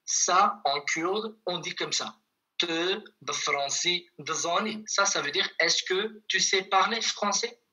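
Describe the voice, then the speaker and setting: Online language teacher, unhurried, piercingly bright timbre, patient repetition. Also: mid-range voice, low-quality recording. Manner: patient, repeats words slowly for students. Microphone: video call.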